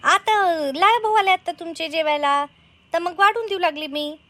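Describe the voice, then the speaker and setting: A woman's voice: extremely high pitch, moderate pace, a bit bright. A woman voicing a teasing, chatty village neighbour.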